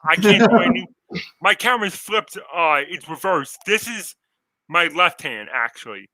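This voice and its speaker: A man's voice: high-pitched, expressive, unhurried, over a noisy crowd, rough recording. Young man chatting on a video call. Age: 20s. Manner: rambling, laughs often. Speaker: podcast co-host. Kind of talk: casual chat on a video call.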